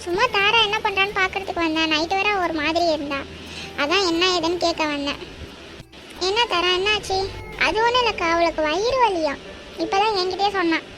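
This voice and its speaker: A woman's voice: extremely high pitch, brisk. A woman voicing a bossy young woman friend in a cartoon, giving firm, scolding advice. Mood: covering up. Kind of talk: cartoon voice acting. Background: music.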